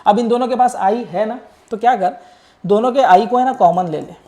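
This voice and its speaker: A young man tutoring engineering math, his voice mellow and dark. He talks students through every step in a casual, coaxing way, calling them beta as he writes out the working. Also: high voice, normal speed. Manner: works through steps aloud while writing. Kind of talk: exam-prep lecture.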